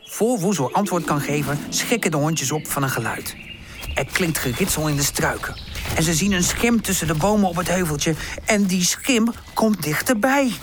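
A woman narrating a children's audiobook with expressive storytelling. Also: on the low side, normal speed, slight background noise.

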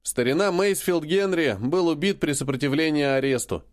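A man voicing a stern alien rebel leader who speaks in a cold, grim, measured way. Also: a little high, close to an everyday voice.

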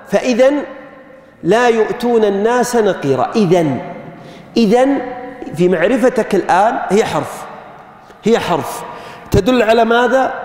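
A man's voice: sits high, a little mellow. A man giving a grammar lecture, explaining step by step and quizzing his students. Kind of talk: classroom lecture. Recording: echoey hall with long reverb.

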